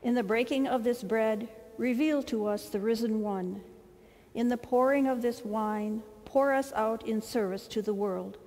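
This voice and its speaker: A woman reading a formal prayer in a measured, reverent way, heard with a cathedral echo. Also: fairly high pitch, a little mellow. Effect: cathedral echo, long reverb. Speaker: prayer leader. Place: large church sanctuary. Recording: long reverb of a big church hall.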